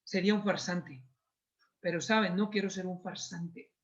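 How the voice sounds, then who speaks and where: A man from Colombia preaching a Sunday sermon, earnest and confessional, moving between soft asides and emphatic appeals. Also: high voice, steady tone, moderate pace, dull audio.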